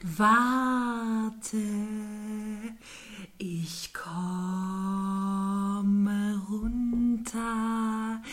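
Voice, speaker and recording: A woman voicing a slow, calm snail who stretches every word and sometimes whispers. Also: medium pitch. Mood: calm drawling. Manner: extremely drawn-out, languid speech with whispered words.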